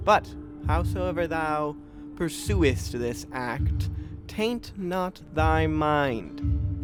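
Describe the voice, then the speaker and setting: Guy acting as a tormented dead king's ghost, really slow n grave, slightly high male voice, shakespeare audio play w music under it. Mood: urgent, solemn. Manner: slow, grave, declamatory, with drawn-out words. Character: solemn, tormented male ghost of a murdered king.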